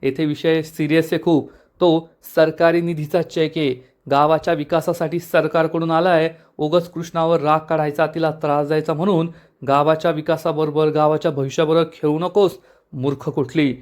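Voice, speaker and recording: A stern young husband, voiced by a man narrating, scolding with firm anger. The voice is a fairly high male tone. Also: little pitch movement, normal speed, a little mellow, natural voice. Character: angry young husband standing up for his wife.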